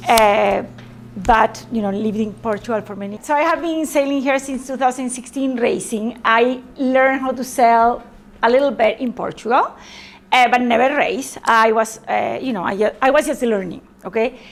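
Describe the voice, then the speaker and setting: Spanish-accented woman, higher voice. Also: moderate pace, creaky. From Spain. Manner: hesitant, with fillers and restarts. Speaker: presenter. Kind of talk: casual talk to an audience.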